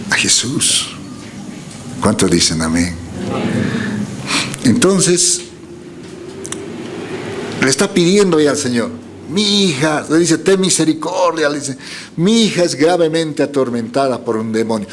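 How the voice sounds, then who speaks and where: Man preaching with lively questions. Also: medium pitch, a little hiss or hum. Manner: asks the congregation questions and reads scripture aloud; lively, rising emphasis on quoted lines. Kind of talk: sermon. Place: church gathering.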